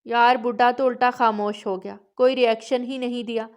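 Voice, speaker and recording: A woman's voice: on the high side, fairly even intonation, clear, resonant tone, natural voice. A woman narrator voicing a laughing, teasing young man in an audiobook.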